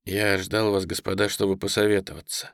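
A man's voice: little pitch movement, a little fast, fairly bright tone, dry recording, clean studio sound. Man reading a curt army lieutenant. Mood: stern. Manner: low, clipped, restrained. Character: stern young male army lieutenant, curt.

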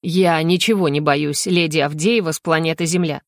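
A woman voicing a cold, stern male inquisitor who speaks slowly and measuredly, in an audiobook. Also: fairly low pitch, no echo, studio quality, lightly acted. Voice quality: slow, measured, icy. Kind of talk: audiobook character voice.

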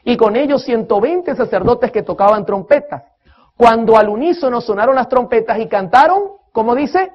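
A man's voice: very high voice, expressive, moderate pace. A man preaching a sermon-style lecture on music, emphatic, asking his listeners questions and counting beats aloud. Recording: dull lo-fi recording.

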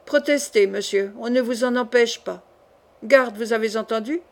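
A woman's voice: on the high side, moderate pace, natural voice. A woman reading the part of a stern male presiding judge in an audiobook, commanding and curt.

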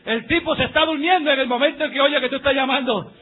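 High-voiced fiery preaching man. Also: fast, narrow, tinny audio. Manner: fiery, mocking preaching that rises to shouts. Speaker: pastor. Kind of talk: sermon. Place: church service.

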